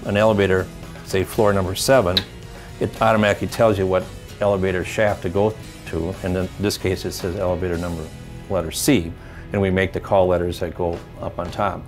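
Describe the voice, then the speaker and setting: Deep-voiced man in his fifties. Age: 50s. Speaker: company leader. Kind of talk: interview for local TV feature.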